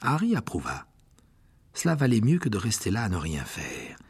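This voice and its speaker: A man narrating an audiobook with a husky voice. His delivery is expressive, rising and falling widely in pitch as he tells the story. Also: normal speed.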